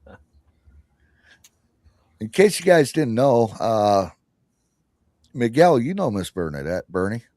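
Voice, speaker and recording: A man's voice: medium pitch, very animated, slow, long pauses, darkish tone, no room sound. A man hosting a podcast, telling a rambling story in casual chat, interrupting himself and laughing often. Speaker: podcast host.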